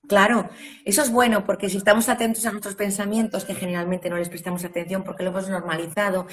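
A woman's voice: mid-range voice, level tone, quick pace. A woman interviewing a guest in a casual chat, often chiming in to agree.

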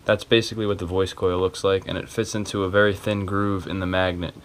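This man has a low voice and a level tone, and he talks fast as he casually, somewhat hesitantly demonstrates a repair for a tutorial video. Nothing is scripted, and he's indoors in a small, cluttered room with carpet. The recording carries slight background noise.

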